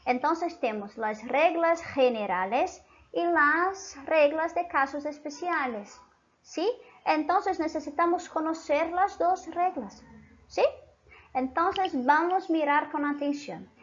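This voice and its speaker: High-voiced woman teaching Spanish. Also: slow pace, highs cut off. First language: Portuguese. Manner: repetitive, checks in with "¿sí?" and "entonces"; switches between Spanish and Portuguese. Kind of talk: online language lesson.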